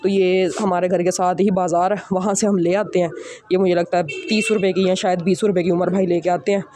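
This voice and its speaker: A Pakistani bird breeder vlogger with a Pakistani Urdu accent walks through his outdoor rooftop bird setup, holding the camera in one hand. His voice sits high with a level tone, fairly quick and darkish; he's out of breath from climbing stairs, chatty, repeating filler phrases as he handles the birds.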